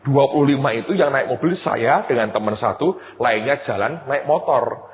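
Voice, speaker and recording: A male pastor preaching a sermon, telling a personal story with lively quoted voices and addressing the congregation directly. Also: medium pitch, moderate pace. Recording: tinny phone-like sound with long hall reverb.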